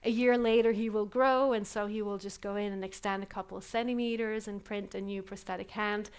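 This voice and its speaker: Smooth and brisk, with a mid-range voice and fairly even intonation, a woman gives a live conference keynote in a conference hall. She speaks English as a second language, and her reflective delivery is full of fillers and questions to the audience.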